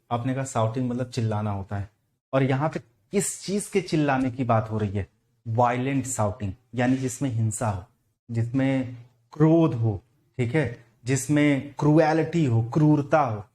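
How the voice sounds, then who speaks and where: A man with a Hindi accent teaches English vocabulary at a medium pitch. He talks patiently, spelling words out letter by letter and repeating them. He asks his students questions as he goes. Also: a little mellow. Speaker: English teacher for exam prep. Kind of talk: online vocabulary lesson.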